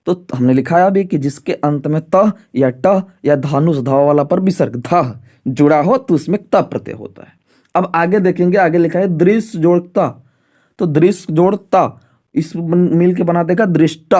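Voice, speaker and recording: A male Sanskrit teacher in an exam-prep lesson, who asks himself questions, checks in often, and slows down to spell out word forms. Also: fairly high pitch, warm tone. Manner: repeats rhetorical questions and "ठीक है" to check understanding.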